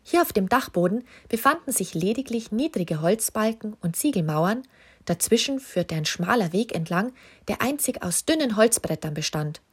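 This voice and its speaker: A woman calmly and expressively reading a children's story aloud as narrator. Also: medium pitch, moderate pace, husky.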